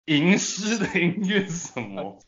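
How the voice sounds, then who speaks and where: A male host with a Taiwanese Mandarin accent chats casually about sports. His pitch moves around a lot as he teases and breaks easily into laughter. The recording is a little muffled. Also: very animated. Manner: jokey, teasing, quick to laugh.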